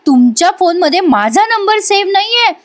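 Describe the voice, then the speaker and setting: A woman's voice: very high-pitched, sing-song, moderate pace, pitched above the performer's own voice. A woman voicing a chatty young wife who pleads with her husband and scolds him for his mess, in a TV-serial recap. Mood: complaining. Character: chatty young wife, quick to take offence.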